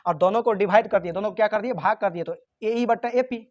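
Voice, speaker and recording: A man with a high, darkish voice talks fast over dull-sounding audio as he runs a physics exam-prep lesson question by question. He teases and scolds his students, and sometimes answers for them himself, mimicking their voices.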